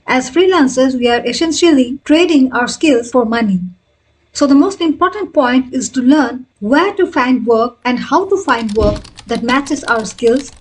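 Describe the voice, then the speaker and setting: High-voiced woman teaching step by step. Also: expressive, a little slow. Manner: clear, step-by-step instructional delivery. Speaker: freelancing coach. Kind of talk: scripted tutorial narration.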